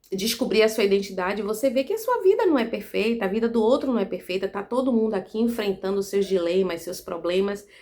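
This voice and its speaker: A woman from Salvador, speaking in an earnest, measured way in a reflective monologue to camera, often tagging her sentences with "né". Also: medium pitch. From Salvador, Bahia, Brazil. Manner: earnest, measured, frequent "né" tag questions. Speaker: self-development vlogger.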